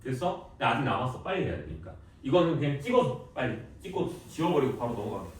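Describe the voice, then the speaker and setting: A man's voice: mid-range voice, fast talker, distant mic. Man lecturing in an echoey classroom. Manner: lively, teasing, quizzes students with short questions. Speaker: math teacher.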